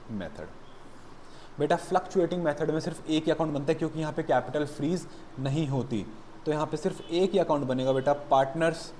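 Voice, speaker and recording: Warm-toned and on the high side, a man's voice comes through with a little hiss or hum as he gives an accountancy classroom lecture. He calls his students "beta," mixing explanation with blunt motivational scolding.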